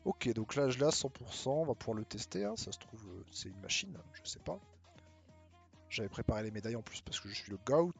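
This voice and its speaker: A man from France live-streaming a mobile game, chatting casually and joking, and sometimes slipping into halting English with a heavy French accent. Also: mid-range voice, husky. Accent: heavy French accent when speaking English.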